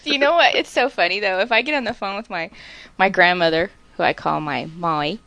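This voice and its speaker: A woman's voice: mid-range voice, a little fast, bright, forceful tone, no echo. A woman from the American South, co-hosting in a teasing, laughing way. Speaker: co-host. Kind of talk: casual chat.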